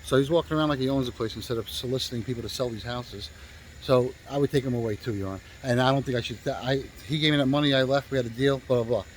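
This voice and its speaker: Casting: man, real estate agent, loose rambling storyteller, salty language, lots of fillers, mid-pitched voice. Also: fast, a little hiss or hum, low-quality recording. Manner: rambling, profane, full of fillers and restarts. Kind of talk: casual storytelling.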